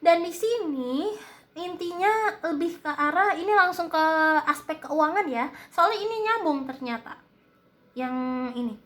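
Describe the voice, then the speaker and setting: High-voiced Indonesian woman with a slight lisp. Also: animated, a little slow, a bit bright. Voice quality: slight lisp, occasionally slurred r. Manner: hesitant, searching for words, explanatory. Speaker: tarot-style reading host. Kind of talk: casual spoken monthly forecast with advice.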